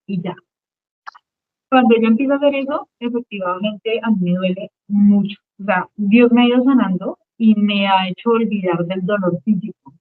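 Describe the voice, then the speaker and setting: A woman giving a personal faith testimony as a guest, speaking earnestly and emotionally and repeating phrases for weight. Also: medium pitch. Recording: tinny phone-line sound.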